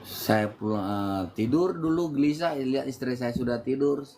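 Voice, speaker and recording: A middle-aged man from Medan with a Medan accent, telling his testimony in a casual interview, his voice jumping up when excited. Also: mid-range voice, normal speed, faint music behind. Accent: Medan Indonesian. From Medan, Indonesia. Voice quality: animated storyteller, voice jumps up when excited. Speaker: guest giving testimony.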